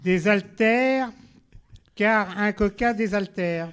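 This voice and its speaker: High-voiced man fumbling joke set-ups. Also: takes it slowly, a crowd in the background. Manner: hesitant, stumbles over set-ups. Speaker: podcast co-host. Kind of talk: casual joke-telling chat.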